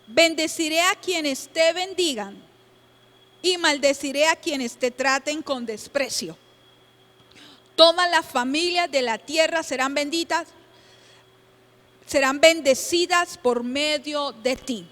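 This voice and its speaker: A woman's voice: sits high, slow, pauses often, a bit bright. A woman teaching a Bible study class, emphatic, asking her listeners questions and answering them herself, repeating key points. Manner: emphatic, exclaims "tremendo". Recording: long hall reverb.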